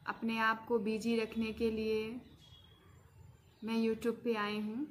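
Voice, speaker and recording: A woman's voice: fairly high pitch, slight background noise. A woman in her thirties chatting to her viewers from home in a simple, hesitant way with a few restarts. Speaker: vlogger. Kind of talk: casual vlog talk to camera.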